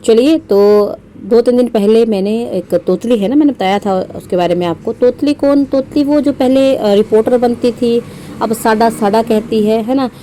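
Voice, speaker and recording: A woman's voice: a little high, moderate pace, hardly any pauses, mellow, slight background noise. A woman from India hosting her own podcast, giving sarcastic, scolding roast commentary with frequent fillers. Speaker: podcast host.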